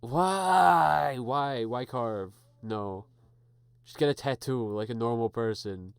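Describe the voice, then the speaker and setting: A podcast co-host in casual chat, reacting bluntly and with disbelief, often swearing. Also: male voice, medium pitch, slow pace, vocal fry, clean tone, no echo. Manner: blunt, incredulous reactions, profane.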